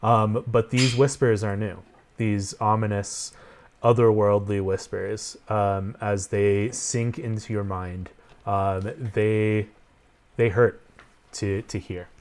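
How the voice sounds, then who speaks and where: Halting male game master. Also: fairly low pitch, fairly even intonation, a little mellow. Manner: halting, filler-heavy narration. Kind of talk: narrating a tabletop game.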